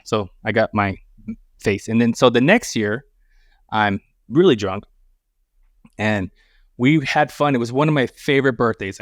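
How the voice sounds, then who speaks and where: A man's voice: medium pitch, dry recording. Male podcast guest, rowdy storyteller, swears freely, dry close mic. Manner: animated, profane, acts out dialogue. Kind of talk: casual storytelling.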